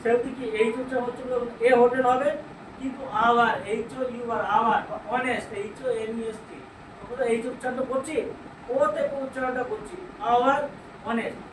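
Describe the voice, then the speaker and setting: Captured from a distance in a noisy, echoing room, a Bengali-accented man leads an English grammar class. His voice is very high and his tone steady; he poses questions, answers them on his own, and slowly reads English sentences aloud.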